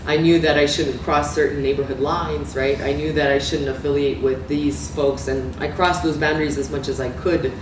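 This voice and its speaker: Middle-aged woman lecturer, from Romania, conversational and halting, echoey room, heard from a distance. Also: low voice, steady tone, background noise. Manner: conversational, many fillers and self-corrections. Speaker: guest lecturer. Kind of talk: academic lecture.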